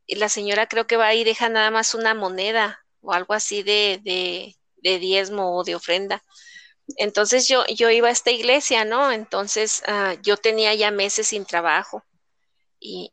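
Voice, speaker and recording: Lady, bright clear voice, telling her own story all animated n casual. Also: mid-range voice, dry recording. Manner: animated storytelling with colloquial slang and sound words. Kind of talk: casual personal testimony in conversation.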